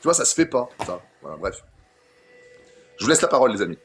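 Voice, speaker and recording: A man's voice: medium pitch, sing-song, quick pace, soft background music. A man in a casual online debate, talking argumentatively and restating his points with emphasis and repeated words.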